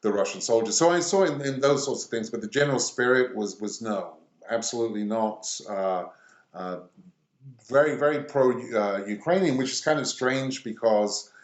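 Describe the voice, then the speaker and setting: A middle-aged man from England, speaking as an interview guest in a halting way, pausing often between phrases. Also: medium pitch. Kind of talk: conversational interview. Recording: echoey room.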